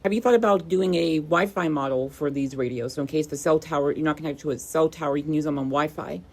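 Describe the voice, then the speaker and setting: Speaking quickly in a deep, darkish voice, this woman hosts and reviews products on video. She keeps it casual and chatty, frequently repeating phrases to stress a point.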